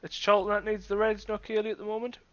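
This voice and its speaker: A dull, lo-fi recording of a man with a high-pitched voice doing live snooker co-commentary. He is conversational and opinionated, freely giving his own verdict on the play. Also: level tone, fast, fairly bright tone. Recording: dull, lo-fi microphone sound.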